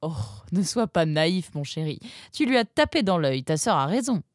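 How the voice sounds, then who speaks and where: A woman's voice: on the low side, sing-song, normal speed, dry recording, clean studio sound. A woman voicing a knowing, teasing mother vixen in a storybook reading. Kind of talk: storybook narration.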